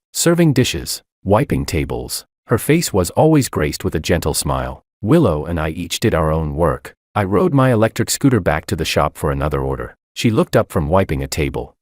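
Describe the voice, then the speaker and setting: A man reading a first-person romance story aloud in steady, scripted narration. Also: sits low, no echo, studio quality.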